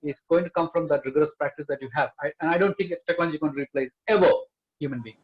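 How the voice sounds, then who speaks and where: A man's voice: fairly high pitch, very fast. Emphatic man on a lo-fi line. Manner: earnest, emphatic, repeats key words. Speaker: panelist. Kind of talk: panel discussion.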